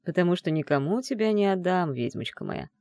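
A woman voicing a gentle, self-assured male mage who speaks in a soft, low, hushed murmur. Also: expressive, fairly quick, dry recording, clean studio sound. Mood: tender, teasing.

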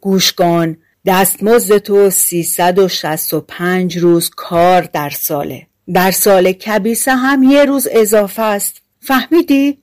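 A woman voicing a huge male giant in a storybook, gruff and scornful, giving orders loudly. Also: lowish voice, hardly any pauses, natural voice. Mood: gruff commanding. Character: huge male giant, commanding but cowardly inside.

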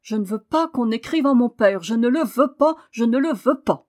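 A woman's voice: mid-range voice, animated, moderate pace, darkish tone, close to an everyday voice. A woman reading a headstrong, sickly boy. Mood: angry. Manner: petulant and insistent. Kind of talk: audiobook reading.

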